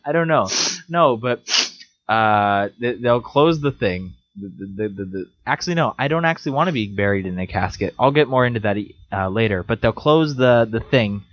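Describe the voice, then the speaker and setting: Young man, podcast co-host, lively and goofy, lo-fi dull sound. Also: moderate pace, no room sound. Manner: playful, laughs often, jumps into high silly voices. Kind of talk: casual chat.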